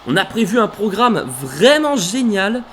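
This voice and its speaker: Excitable gaming commentator, shouting at big moves. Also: male voice, sits high, a little slow, a little hiss or hum. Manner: animated, bursts into shouts at big moves, self-correcting asides. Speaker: let's play commentator. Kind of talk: excited play-by-play game commentary.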